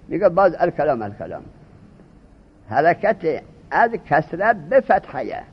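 A man teaches a class, his voice high and swinging widely in pitch. The tone is husky, and he keeps questioning his students and repeating key terms. The recording sounds dull and lo-fi. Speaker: teacher of Arabic morphology. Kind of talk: classroom lecture.

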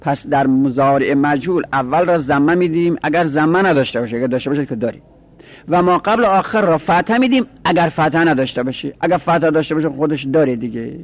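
A man teaching a lesson, working through each rule step by step and repeating it. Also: on the high side. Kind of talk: lecturing on Arabic grammar.

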